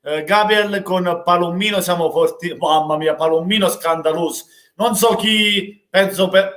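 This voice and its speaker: Brief: young Neapolitan man, live match streamer, slightly high voice, volatile and emotional. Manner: emotional, swings from calm chat to shouting. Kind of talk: live reaction to a football match, reading chat.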